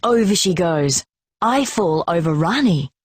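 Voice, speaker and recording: A woman reading a children's storybook aloud in a slow, expressive, clearly paced delivery. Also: lowish voice, dry recording, studio quality. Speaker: storybook reader.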